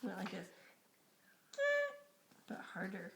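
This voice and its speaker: A woman reading a picture book aloud to young children in an animated way, pausing to ask them questions. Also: mid-range voice, creaky, very noisy. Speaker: storybook reader.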